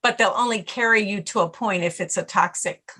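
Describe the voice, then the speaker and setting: Bright, animated woman telling stories. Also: medium pitch, fairly quick. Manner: animated storyteller, acts out her own inner voice. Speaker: guest author and stress coach. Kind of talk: podcast interview.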